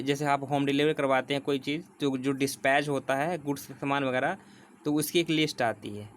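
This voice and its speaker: Man teaching, slow and repetitive. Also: mid-range voice, a little hiss or hum. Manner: explains slowly with repetition, reads English definitions word by word. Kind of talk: exam prep vocabulary lesson.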